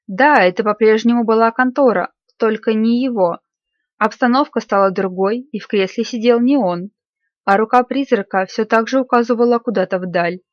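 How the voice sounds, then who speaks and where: A woman narrates a classic tale in a measured, expressive way. Her voice sits a bit high, and the recording sounds dry and slightly dull, with no room behind it. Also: no echo. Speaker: audiobook narrator. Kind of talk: storybook narration.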